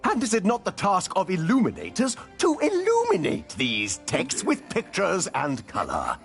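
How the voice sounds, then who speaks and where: A haughty lecturing prior. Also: male voice, high voice, huge pitch swings, normal speed, faint music behind, full character voice. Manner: lecturing, condescending. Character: stern haughty male prior, condescending. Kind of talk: video game voice acting.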